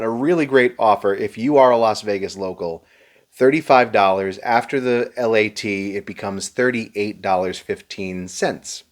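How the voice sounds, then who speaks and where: Low-voiced man giving advice to camera. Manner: informative, advice-giving, dry sarcasm. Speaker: show reviewer. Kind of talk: direct-to-camera review.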